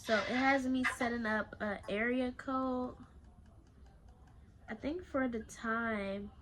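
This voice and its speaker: A young woman unboxing gear in a casual vlog, excitable and chatty, talking straight to her viewers. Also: fairly high pitch, slow pace, a little hiss or hum. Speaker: beginner content creator.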